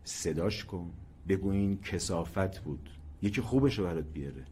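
A man's voice: mid-range voice, wildly swooping pitch, a little hiss or hum. A man voicing a stern, insistent old grandfather who barks short commands. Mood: hushed. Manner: terse repeated commands, shouted then hushed.

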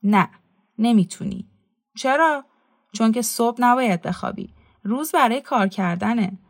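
A woman's voice: on the high side, dry recording, clean studio sound, natural voice. A woman reading a cheeky, mocking young man in a storybook, voicing him in a teasing, blunt way. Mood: matter-of-fact.

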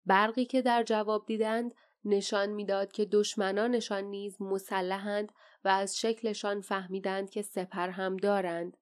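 Woman narrating an audiobook. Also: mid-range voice. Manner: steady, dramatic storytelling. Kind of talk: scripted narration.

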